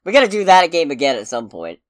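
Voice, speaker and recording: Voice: mid-range voice, wildly swooping pitch, fast. A podcast co-host who is sick, chatting casually about games and movies with a sarcastic, exclamatory manner.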